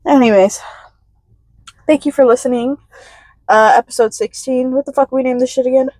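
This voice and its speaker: A young woman co-hosting a podcast in casual chat, joking loudly and breaking into laughter and shrieks. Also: high-pitched, fairly even intonation, normal speed, no echo. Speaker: podcast co-host.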